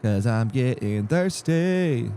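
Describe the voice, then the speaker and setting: A man's voice: medium pitch, expressive, slow pace, mellow, slight background noise. A young man rambling through casual live-stream commentary on a sim race, jokey and easily distracted. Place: home streaming setup.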